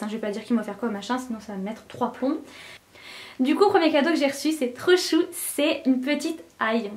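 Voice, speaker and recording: A young woman from France, chatting enthusiastically in a home vlog about her gifts, gushing and full of fillers. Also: a little high. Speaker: beauty vlogger. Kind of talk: casual vlog chat.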